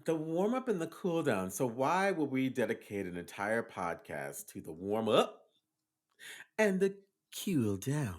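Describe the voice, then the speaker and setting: A man's voice: medium pitch, sing-song, a little slow. A man in his fifties co-hosting a podcast, playful and joking, laughing often and stumbling over words. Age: 50s. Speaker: podcast co-host. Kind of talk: casual chat.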